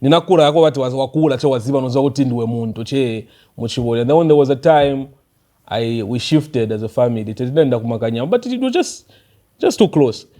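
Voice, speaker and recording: A man's voice: medium pitch, quick pace. A young Zambian man, a rapper guest, chatting casually in an interview, with a Zambian accent and lots of fillers and code-switching. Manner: relaxed, mixes English and local language, many fillers.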